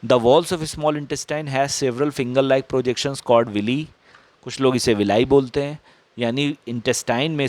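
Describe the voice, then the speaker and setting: A male biology teacher with an Indian accent, who reads English lines slowly and then explains them more quickly in Hindi. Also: mid-range voice, darkish tone.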